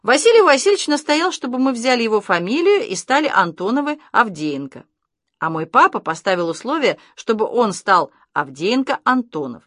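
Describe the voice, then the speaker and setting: A woman reading a humorous story aloud as an expressive, playful audiobook narrator. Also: fairly high pitch, normal speed, no room sound, clean studio sound. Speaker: audiobook reader.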